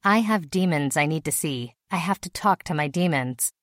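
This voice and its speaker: A woman voicing a weary, gruff male company executive who speaks slowly and sternly. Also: lively intonation, a bit bright, no room sound, clean studio sound. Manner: slow, gruff, low delivery.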